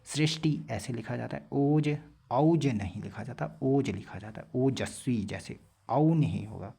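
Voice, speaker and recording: A young male teacher with a husky, slightly rough voice talks through correct spellings one word after another. He explains plainly and says each word again slowly to fix it. The lesson is casual and steady. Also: medium pitch. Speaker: exam-prep teacher.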